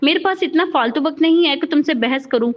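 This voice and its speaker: Curt and arrogant, a short-tempered young husband snaps his orders, read in a woman's high voice. The lines sound dull and lo-fi, like a cheap home recording of a storybook reading. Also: fairly quick, lightly acted. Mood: curt scolding. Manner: curt, scolding.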